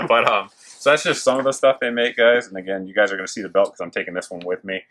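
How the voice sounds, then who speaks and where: A man with a very low voice presents gear to viewers like an excited, informal video host. He talks casually and keeps it chatty. Factory machines hum faintly behind him as he talks. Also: quick pace. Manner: enthusiastic, informal. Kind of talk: casual product showcase to camera. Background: working machines and clicks.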